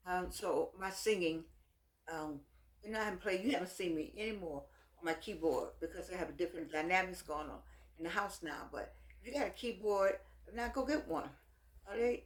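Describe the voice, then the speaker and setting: Middle-aged woman, toothless speech, very lively pitch, sassy rambling advice, echoey room. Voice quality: toothless, slightly soft articulation. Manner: animated, sassy, folksy, repeats phrases for emphasis. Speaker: vlogger. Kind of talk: casual chat, rambling advice to viewers.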